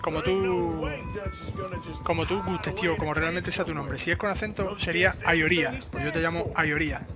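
A man streams a game in easy, joking chat and loops back over his own words. His voice sits a little high. Game music plays clearly behind him. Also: fairly even intonation, normal speed. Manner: joking, chatty, repeats himself. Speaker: gaming streamer. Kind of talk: casual live-stream chat.

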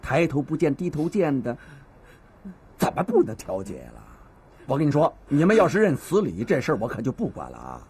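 A husky, middle-aged Beijing cop in a TV drama, stern but fatherly, voice rising and falling as he lectures. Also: on the high side, huge pitch swings, brisk, a little mellow, heavily acted. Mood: coaxing. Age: 50s. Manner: patient, lecturing mediator who scolds and coaxes. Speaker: neighborhood police officer. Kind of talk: TV drama acting.

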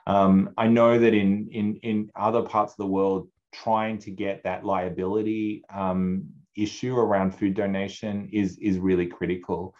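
A deep-voiced man in his forties speaks on a video call whose sound is dull and lo-fi. He talks in a loose, animated way, trips over restarts, and jumps into character voices when he quotes other people. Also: unhurried, hardly any pauses. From Australia. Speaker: food advocacy director, guest. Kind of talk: casual conversational interview. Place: home office, indoors.

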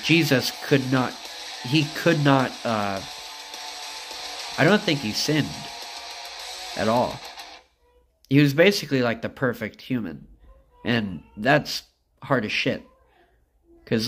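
A man's voice: mid-range voice, poor audio. A man chatting on a game stream, rambling and cursing as he answers his chat. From United States. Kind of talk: casual live-stream chat while gaming. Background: music.

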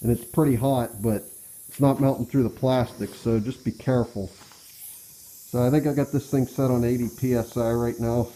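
An American man gives a casual hands-on walkthrough with his voice muffled by a respirator mask. His tone is mellow and mid-pitched. He speaks plainly and haltingly, feeling for his words as he works. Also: steady tone. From Pennsylvania, US. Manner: hesitant, halting, plain-spoken. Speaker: DIY truck restorer. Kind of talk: casual hands-on how-to talk. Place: cluttered workshop, indoors.

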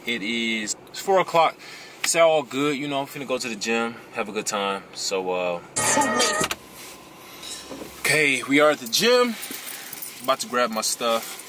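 A man in his thirties with a Chicago accent, chatting casually to the camera in a relaxed vlog from inside a car. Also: mid-range voice, a little slow, long pauses. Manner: relaxed, chatty, says "finna" and "you know". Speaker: vlogger. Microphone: camera on the dashboard. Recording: car interior with road noise.

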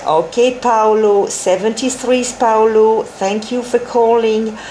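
A woman's voice: fairly high pitch, steady tone, slow pace, mellow, a little hiss or hum, rough recording. A woman working as an amateur radio operator, giving phonetic call signs and signal reports and repeating them to confirm. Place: indoors at a desk with radio set.

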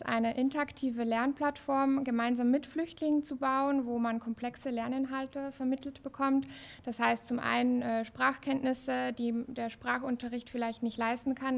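Woman, gravelly voice, flat delivery, fluent, handheld mic. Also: high-pitched. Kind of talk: workshop self-introduction. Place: bright office meeting room.

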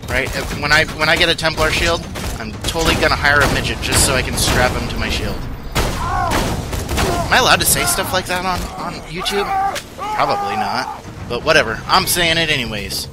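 A man's voice: on the high side, big pitch swings, moderate pace, loud music behind the voice. A man hosting a gaming video, giving casual let's-play commentary, rambling and joking as he plays. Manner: rambling, joking, talking to himself. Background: game gunfire.

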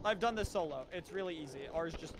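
A man's voice: a little high, very noisy. A young man explaining a video game to friends in casual voice chat, urging them on. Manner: quick, instructive, urging others on. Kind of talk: casual voice chat while gaming.

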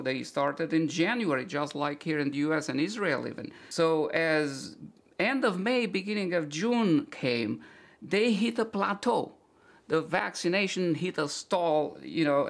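A man's voice: on the high side, fairly bright tone. A man in his forties from Romania, explaining things earnestly at home with wry asides. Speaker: doctor presenting health videos. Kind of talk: explanatory talk over screen share. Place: home room, indoors.

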